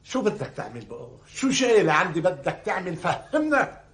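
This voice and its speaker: A man's voice: high voice, sing-song, fairly bright tone, echoey room. An actor playing a fatherly neighborhood man with a Lebanese accent, lecturing and scolding. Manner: advising, scolding, fast-talking. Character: Abu Salim, advising neighborhood elder man.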